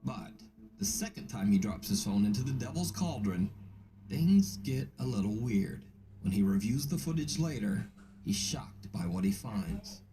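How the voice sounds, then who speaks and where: A man giving scripted narration of creepy stories in a measured, hushed storytelling delivery. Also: fairly low pitch, expressive, over loud music, poor audio. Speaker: narrator of a scary video countdown.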